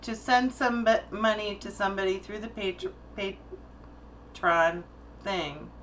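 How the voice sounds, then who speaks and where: Bright-voiced woman host asking questions. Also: medium pitch, steady tone, slow pace, a little hiss or hum, low-quality recording. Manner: chatty, asks follow-up questions. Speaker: host interviewer. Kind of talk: casual interview chat.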